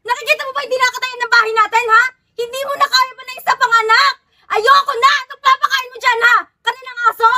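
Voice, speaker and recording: A woman's voice: steady tone, racing, hardly any pauses, heavy background noise. A woman playing a bitter, scolding young wife. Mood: furious. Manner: shrill, scolding, swearing. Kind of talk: student drama acting.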